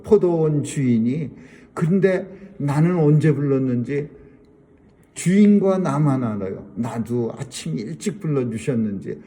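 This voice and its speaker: A man's voice: a little high, warm tone. A middle-aged man preaching a Sunday sermon, emphatic and repeating his key phrases. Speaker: pastor.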